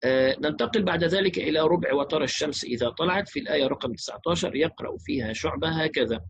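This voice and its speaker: A man teaching Quran recitation, explaining rules briskly and chanting verses slowly and melodically. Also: a little high, slight background noise.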